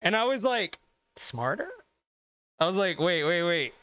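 A man's voice: sits high, unhurried, no echo. Thirty-something podcast guy, blunt and swears a lot, dry close mic. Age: 30s. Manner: blunt, animated, swears freely. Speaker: podcast co-host. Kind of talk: casual chat.

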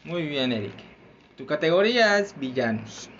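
A man's voice: fairly high pitch, very animated, normal speed, a bit bright. A man with a Mexican accent hosting a casual trivia game among friends, laughing often and explaining the rules at length. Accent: Mexican Spanish. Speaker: quiz host. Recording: muffled with faint background noise.

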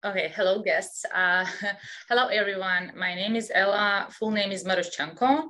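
This woman, a scientific illustrator appearing as a guest on an interview show, speaks with a Russian accent and non-native grammar. Her mid-range voice is bright and forceful at a normal pace. She chats casually, full of fillers and restarts.

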